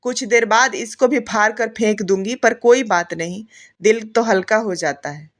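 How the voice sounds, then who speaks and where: A woman voicing a loving pregnant young wife, reading a heartfelt letter softly in a storybook narration. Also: on the high side, moderate pace, lightly acted. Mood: tender, sorrowful.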